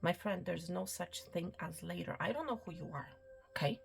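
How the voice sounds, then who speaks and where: A woman giving a spiritual reading in a soft, reassuring way, often dropping to a whisper and checking in with the listener. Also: fairly low pitch, moderate pace, creaky, a little hiss or hum. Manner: soft, reassuring, repeats "okay" and "my friend"; drops to a whisper at times. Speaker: psychic reader. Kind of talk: tarot-style spiritual reading to camera. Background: soft background music.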